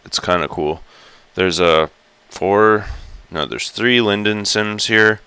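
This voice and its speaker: Groggy gravelly-voiced man streaming, slow and deep. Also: sharp tone. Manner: rambling, chatty, many fillers and self-corrections. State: groggy just-woken morning voice. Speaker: live streamer exploring a virtual world. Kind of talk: casual live-stream commentary.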